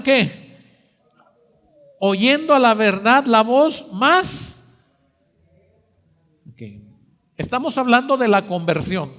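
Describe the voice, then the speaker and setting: A man preaching a sermon, dramatic and full of rhetorical questions to the congregation, swinging between soft and loud. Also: very high voice. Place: church sanctuary. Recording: long church reverb.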